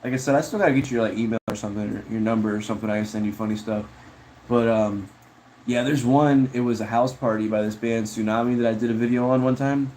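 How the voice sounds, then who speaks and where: A man's voice: medium pitch, fairly even intonation, fast, a little mellow, slight background noise, rough recording. A man chatting casually on a livestream, rambling laid-back about viewer comments and calling people bro and dude. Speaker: streamer.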